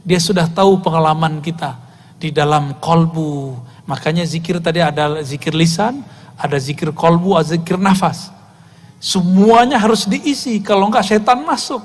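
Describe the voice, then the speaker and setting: A middle-aged male preacher with an Indonesian accent, his voice pitched a little high for a man. He preaches in a lively way, with sharp jumps in pitch, and asks his listeners questions along the way. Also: moderate pace. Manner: lively, shifts pitch often, acts out voices and asks the audience. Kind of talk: sermon.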